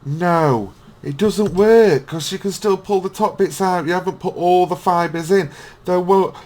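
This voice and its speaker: A man's voice: high voice, a little slow, darkish tone. A man hosting a reaction video, mocking and swearing as he rants. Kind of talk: ranting reaction commentary.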